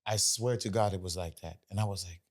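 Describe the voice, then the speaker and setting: Man, American, forties, lowish voice, casual interview storytelling, loose and rambling. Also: fairly quick, a little mellow. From United States. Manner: loose, rambling, lots of fillers and restarts. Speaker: guest, singer.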